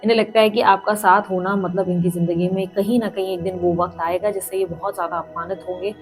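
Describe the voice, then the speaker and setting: A woman's voice: fairly low pitch, fairly even intonation, quick pace, faint music behind. A woman tarot reader who speaks straight to the viewer, repeats her points for emphasis and calls on the universe between cards. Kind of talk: tarot reading to camera.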